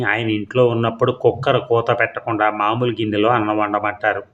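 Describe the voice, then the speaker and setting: A man voicing a meek young wife who speaks in a hushed, patient, pleading way. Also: mid-range voice, close to an everyday voice.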